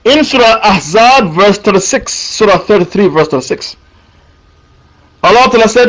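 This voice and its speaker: A man delivers a sermon in a high voice, stressing and repeating his key points. The recording is dull and lo-fi. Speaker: preacher.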